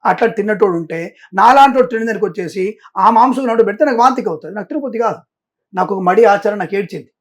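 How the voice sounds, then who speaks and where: A man's voice: high-pitched, fast talker. A middle-aged man speaking as a Vedic astrologer in an interview. He talks emphatically and insistently, stresses himself again and again, and slips English phrases in among his sentences. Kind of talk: interview answers.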